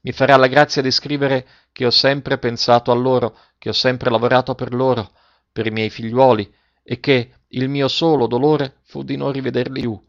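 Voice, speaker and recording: A man's voice: mid-range voice, little pitch movement, normal speed, dry recording, highs cut off, natural voice. A man voicing a frail, loving dying mother who speaks with pleading emotion. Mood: tender, resigned.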